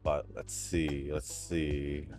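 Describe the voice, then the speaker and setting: With a bass voice, level tone and extremely slow delivery, a man chats casually over gameplay on his gaming channel. Congestion clogs his nose while he rambles and laughs between comments over faint, soft game music.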